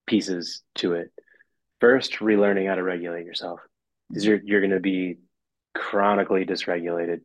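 Measured male therapist, dull dry audio. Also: sits low, no echo. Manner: measured, explanatory, with fillers. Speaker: therapist guest. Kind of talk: interview answers.

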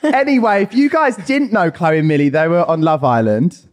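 Female podcast co-host, Essex accent, expressive intonation, informal and chatty. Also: on the low side, moderate pace. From Essex, England. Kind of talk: casual chat.

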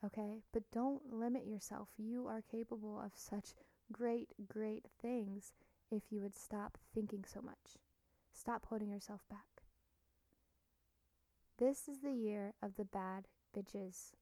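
A woman podcast host giving a blunt, encouraging self-help pep talk, soft and deliberate with plenty of swearing. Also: medium pitch, steady tone, dry recording.

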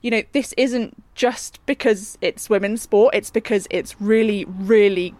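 A woman's voice: medium pitch, unhurried, a little mellow, no room sound. A woman with a British accent, co-hosting a podcast in casual, enthusiastic and emphatic talk. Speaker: podcast co-host. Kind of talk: casual chat.

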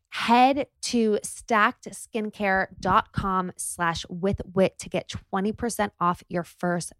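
A woman's voice: fairly low pitch, dry recording, clean studio sound. A woman in her thirties hosting a podcast, reading ads and interviewing a guest in a bubbly, gushing way. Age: 30s. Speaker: podcast host.

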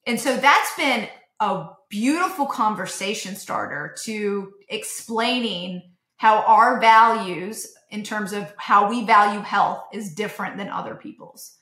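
A woman's voice: medium pitch, a little slow, sharp tone, echoey room. A woman in her thirties, a podcast guest telling a family story in casual chat and acting out the dialogue she quotes.

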